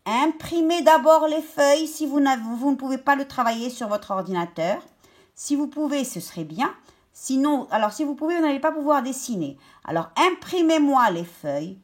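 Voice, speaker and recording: A woman teacher talking young pupils through a worksheet step by step, stretching out each word slowly. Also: high voice, expressive. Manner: slow, step-by-step, drawn-out words for young pupils. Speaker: primary school teacher. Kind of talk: remote lesson explaining a worksheet.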